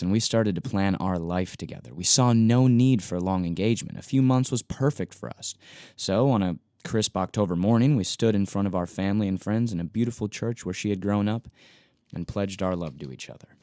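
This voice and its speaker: A man narrating his own first-person love story in an earnest, gentle way, with small stumbles and soft chuckles. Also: on the low side, brisk, no echo, studio quality.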